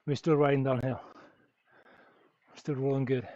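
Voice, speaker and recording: A man's voice: mid-range voice, flat delivery, measured pace, warm tone, no room sound. A man from Germany, chatting casually on a live stream while riding and answering viewers' questions with many fillers. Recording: dull lo-fi stream audio.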